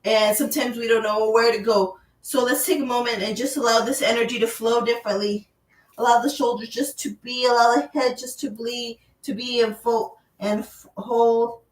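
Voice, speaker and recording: A woman leading a chair yoga class, guiding breath and movement with slow, soothing, repeated cues. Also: on the high side, fairly even intonation. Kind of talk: guided yoga class with visualization. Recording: echoey room, voice from far off.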